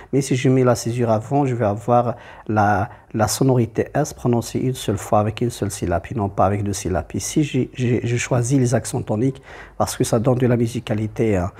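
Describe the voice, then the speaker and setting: A man's voice: medium pitch, mellow, husky. A man teaching a poetry lesson, explaining step by step and repeating key terms.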